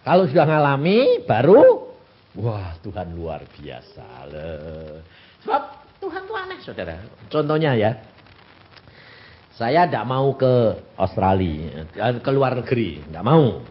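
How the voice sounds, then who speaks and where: A man's voice: medium pitch, huge pitch swings, measured pace. A man in his eighties with a Javanese accent, preaching a sermon and often asking his congregation rhetorical questions. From Central Java, Indonesia. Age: 80s. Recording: dull lo-fi recording.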